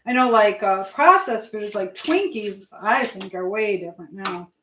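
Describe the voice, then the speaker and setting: Busy cooking in her home kitchen, a livestream host and language teacher rambles along in casual live chat, thinking aloud as she goes. She has a medium-pitched, expressive, fairly bright voice and an unhurried pace. Roomy echo and clear background noise are audible.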